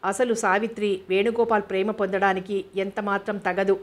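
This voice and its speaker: Weary, sarcastic elder sister in a novel reading, voiced by a woman narrator, fairly flat. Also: mid-range voice, moderate pace, close to an everyday voice. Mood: sharp. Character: young woman, tired, sharp-tongued, weary elder sister.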